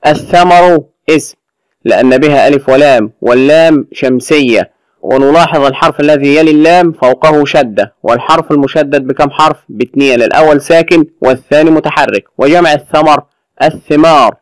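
A man's voice: a little high, no echo, poor audio. Egyptian man teaching kids, dry sound. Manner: recites verses slowly and with emphasis, then explains in quick colloquial asides; asks the pupils questions and answers them himself. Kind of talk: explaining a children's Arabic lesson.

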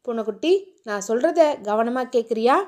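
A woman doing a stern young husband, lowered voice. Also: normal speed, natural voice. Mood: tender. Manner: lowered, clipped commands. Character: stern young husband, gruff but caring.

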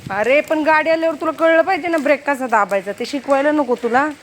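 Young woman, family vlogger, outdoors, slightly high pitch, firm and repetitive coaching, light ambient noise. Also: fast. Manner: firm, repetitive instructions to a child. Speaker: vlogger and mother. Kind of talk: casual family vlog, teaching a child to cycle. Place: outdoors in a housing complex near underground parking.

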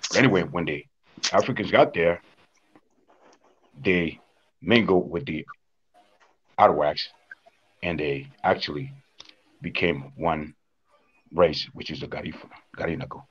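A man's voice: low voice, a little slow, long pauses, fairly bright tone, husky, muffled recording. A man from Honduras gives a conference talk on a video call, telling history plainly with frequent "uh" and "according to what I understand.". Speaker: invited speaker on Wanaragua dance. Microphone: webcam on video call.

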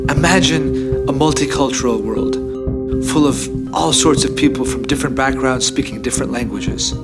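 A man in his thirties, the writer and director, narrating a measured, earnest pitch for his series. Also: loud music behind the voice.

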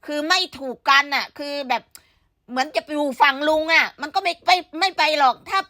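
A woman's voice: sits high, brisk, pushed and bright, no echo, clean studio sound. A woman giving blunt, scolding gossip commentary full of rhetorical questions. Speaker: online commentator.

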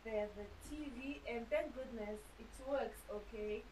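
A woman's voice: on the high side, unhurried. A young woman vlogger giving an enthusiastic, chatty tour of her small rented room, often addressing viewers as "you guys.". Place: small bedroom and kitchenette, indoors. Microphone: camera on tripod across the room. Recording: distant mic with clear hiss.

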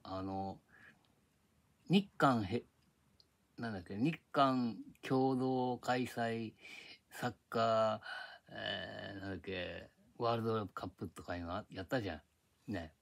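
Older man vlogging alone at home, low voice, chatty and grumbly, drifts topic to topic. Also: takes it slowly, creaky, long pauses. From Japan. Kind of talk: rambling casual monologue. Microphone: tablet microphone.

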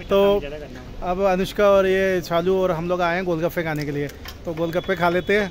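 This high-pitched young man, in his twenties, is a travel vlogger making easygoing small talk while walking and filming himself at arm's length. The setting is a busy town market and monastery grounds, captured on outdoor phone audio thick with crowd chatter and street sounds.

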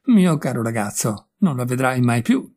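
A man's voice: medium pitch, expressive, moderate pace, warm tone, slightly rough. A man voicing a witty, worldly young male painter in an audiobook, speaking in a breezy, teasing way. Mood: amused. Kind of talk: audiobook character voice.

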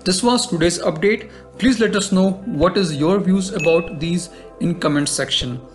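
A man reads scripted defense news in a steady, list-like delivery. His voice sits slightly high for a man. Soft music plays faintly underneath. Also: normal speed. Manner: steady read-aloud delivery, lists of facts. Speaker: defense news channel host. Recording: faint music bed behind voice. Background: faint background music.

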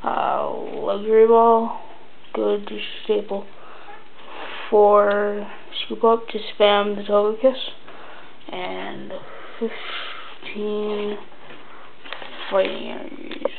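A young person talking quietly and haltingly late at night, casually showing off a card deck in a low-key way. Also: creaky. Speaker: video maker. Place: indoors at a table at home. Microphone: handheld camera's built-in mic. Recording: muffled lo-fi camera mic, noisy.

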